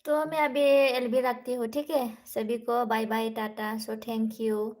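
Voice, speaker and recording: A young woman hosting a casual live stream, reading out viewer comments and answering them in a soft voice while switching between languages. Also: a little high, flat delivery, slow pace. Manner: speaking softly, says she cannot talk louder.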